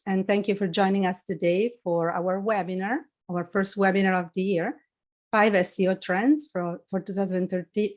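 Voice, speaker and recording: A woman's voice: medium pitch, a little mellow. A woman hosting a company webinar, introducing the guest and running through housekeeping notes in a friendly way over a video call. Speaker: webinar host.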